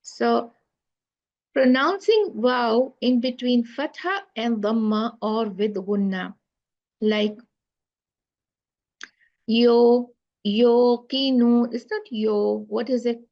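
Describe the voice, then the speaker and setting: A woman teaching Quran pronunciation, speaking slowly and repeating sounds to demonstrate them. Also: a little high, vocal fry. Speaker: tajweed teacher. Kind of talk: online lesson. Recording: dull lo-fi recording.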